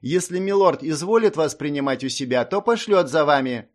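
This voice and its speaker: Guy doing a bowing castle servant, stiff and polite, lively pitch. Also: normal speed, close to an everyday voice. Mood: formal. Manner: formal, deferential.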